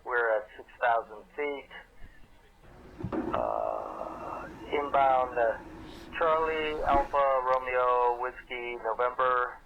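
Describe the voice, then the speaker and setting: A man's voice: medium pitch, sing-song, creaky. Man on muffled air traffic radio. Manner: clipped, measured phraseology. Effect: air traffic radio transmission. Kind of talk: radio calls with call signs. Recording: muffled radio with faint hiss.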